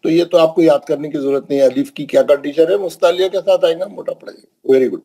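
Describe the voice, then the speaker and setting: A man teaching Quran recitation rules, asking questions and answering them, with slow drawn-out recited examples. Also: fairly high pitch, dark tone, low-quality recording. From Hyderabad, India. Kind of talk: classroom tajweed lesson.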